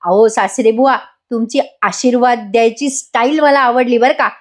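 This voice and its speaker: A woman voicing a young husband who pleads with his in-laws in a frantic, dramatic way, at a higher pitch than her narration. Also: fairly even intonation, normal speed, lightly acted. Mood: pleading.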